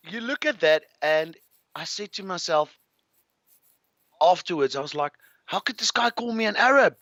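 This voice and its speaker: A man's voice: fairly high pitch, fairly bright tone, dry recording, studio quality. A man with a South African accent, a guest telling rambling, restless travel anecdotes in a casual interview. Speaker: guest, farmer.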